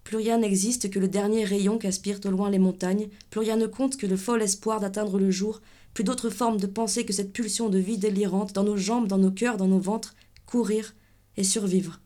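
A woman giving a dramatic literary reading, with an intense, measured delivery in short clipped phrases. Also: medium pitch, steady tone, warm tone.

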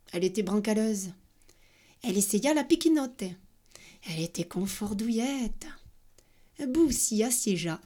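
A woman reading a children's storybook aloud with expressive, playful narration. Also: on the high side.

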